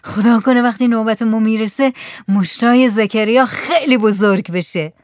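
A woman's voice: a little high, no echo, clean studio sound, lightly acted. A woman voicing a hungry, eager poor village man in a storybook reading.

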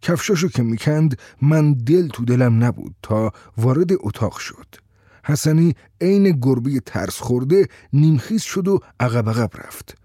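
A man reading a story aloud with steady, tense pacing. His voice is mellow and dark with a husky texture, and it sounds close and dry. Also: medium pitch, no echo. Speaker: narrator. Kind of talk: storytelling narration.

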